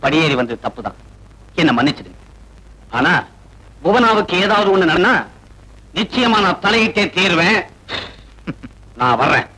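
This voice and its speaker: An actor playing a dignified, protective older man who speaks in a measured, earnest way. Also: high-pitched, big pitch swings, sharp tone, breathy edge, exaggerated voice, poor audio. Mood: firm. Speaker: elder relative and mediator. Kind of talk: 1980s Tamil film acting. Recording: film soundtrack with music behind.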